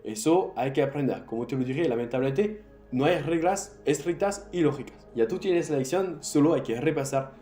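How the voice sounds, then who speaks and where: A man teaching an online language lesson, patiently repeating words slowly for drills and encouraging the learner directly. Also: a little high, lively intonation, warm tone, reverberant, soft background music.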